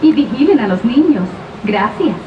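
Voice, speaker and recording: A woman's recorded safety announcement plays over an outdoor tram loudspeaker. Her voice is fairly high and moves lively through the polite instructions. The sound is dull, echoey and distant, with clear background noise. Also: fairly quick. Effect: played over an outdoor tram loudspeaker.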